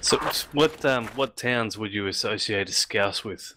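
A man's voice: fairly low pitch, a little slow, background noise. A man chatting and telling a funny story to his squad over game voice chat, swearing casually. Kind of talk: casual banter, anecdote telling.

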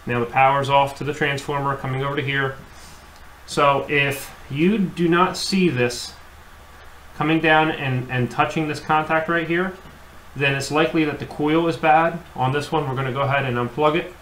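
In an echoey space with a faint hum behind him, a man who works as an HVAC technician walks through a hands-on demo at his workbench. His voice is a little high and a bit bright, steady in tone and at normal speed, and his plain explanations are repetitive and packed with fillers.

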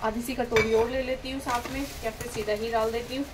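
A woman's voice: on the high side, flat delivery, a little fast. A middle-aged woman narrating a casual home cooking vlog step by step, talking straight to her viewers from her kitchen. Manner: chatty, step-by-step, addresses viewers directly. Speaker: cooking vlogger. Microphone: phone camera held nearby. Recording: home phone video with clear background noise.

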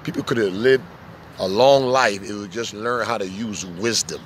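Street preacher guy outside, lively storytelling, faint traffic hum behind. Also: on the low side, moderate pace. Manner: animated storytelling, acting out voices and jokes. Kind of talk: casual preaching chat. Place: outdoors in the sun.

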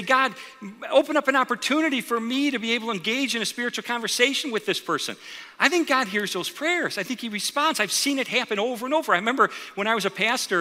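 Animated male pastor preaching in reverberant hall. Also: very high voice. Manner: animated, acts out quoted voices, rhetorical questions. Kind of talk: sermon storytelling to a congregation. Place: large church auditorium. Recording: reverberant auditorium.

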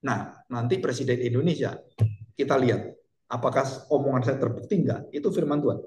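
A man's voice: medium pitch, brisk, a little mellow, echoey room, slight background noise. A male pastor preaching a sermon emphatically, asking rhetorical questions and speaking straight to the congregation.

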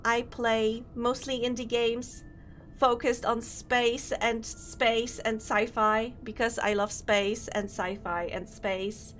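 Soft music plays behind a young Polish VTuber as she greets viewers and chats bubbly during a gaming stream. Her fairly high, fairly bright voice is level in tone and slow in pace, and her Polish accent marks her as a native speaker.

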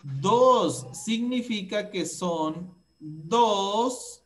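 A woman's voice: mid-range voice, expressive, very slow, slight background noise. A Mexican woman teaching a math lesson to young children, asking questions patiently.

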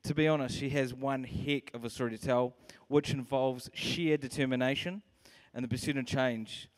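Holding a handheld mic on stage in a big hall with an audience, a host in his thirties conducts an interview, cheerful yet stumbling over fillers. He has a mid-range voice with fairly even intonation and normal speed.

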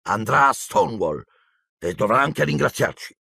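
A man voicing a blustering, stout middle-aged uncle who sputters indignantly in a shrill, raised voice. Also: sing-song, moderate pace, gravelly, sharp tone, slightly rough, dry recording, clean studio sound, exaggerated voice. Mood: scornful.

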